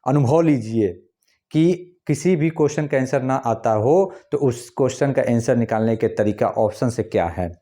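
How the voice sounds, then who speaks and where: A man's voice: mid-range voice, moderate pace, mellow. A man or teaching an exam-prep lesson, repeating key points and spelling words out syllable by syllable. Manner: addresses viewers as friends, urges them to pay attention.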